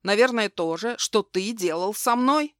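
A woman reading as a terrified young mother, pleading and strained, in an audiobook. Her voice sits at a middle pitch, recorded dry and close. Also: unhurried, fairly bright tone, no room sound, close to an everyday voice. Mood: tense. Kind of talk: audiobook dialogue.

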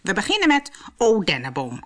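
An eager, boastful male pig from a storybook, loud and keen, voiced by a woman reader. The pitch jumps up and down lively as he schemes. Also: moderate pace.

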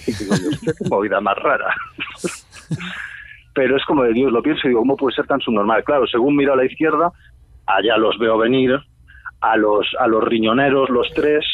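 A man's voice: mid-range voice, husky, no echo. A man with a Spanish accent from Spain telling a casual, slangy anecdote on a radio show, acting out his own past remarks. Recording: tinny phone-like sound, dry.

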